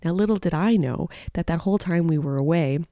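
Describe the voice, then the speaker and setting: A woman's voice: lowish voice, fairly quick, dark tone, dry recording, clean studio sound. A woman in her thirties hosting a podcast, rambling nostalgically with many fillers and fighting back tears. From Canada. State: close to tears. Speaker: podcast host. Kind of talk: emotional personal monologue.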